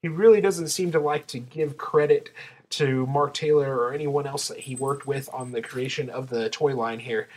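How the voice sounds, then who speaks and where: A man giving a casual, rambling podcast review with a hesitant, halting delivery. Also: mid-range voice, fairly even intonation.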